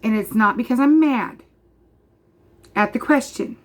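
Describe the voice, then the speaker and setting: Vlogger, woman, 30s, passionate and emphatic, addresses viewer directly, voice on the high side. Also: a little slow. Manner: emphatic, repeats points, talks straight to the viewer. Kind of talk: passionate direct-to-camera rant.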